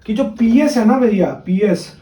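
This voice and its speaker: A man's voice: high-pitched, animated, unhurried, warm tone. A young man from India teaching math in a casual, chatty way, often checking in with his students. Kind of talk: casual classroom lecture. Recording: echoey room.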